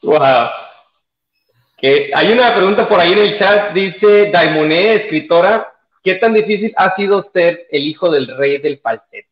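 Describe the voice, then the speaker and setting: A man's voice: sits high, lively intonation, measured pace. A man hosting a live-stream interview, reading out viewer questions and giving short reactions. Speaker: host. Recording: roomy, dull remote audio.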